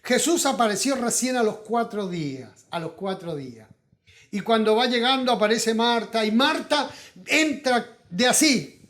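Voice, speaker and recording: A man with a Rioplatense Spanish accent preaching a sermon as pastor, swinging from loud emphatic calls to hushed asides. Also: very high voice, lively intonation, a little slow. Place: auditorium.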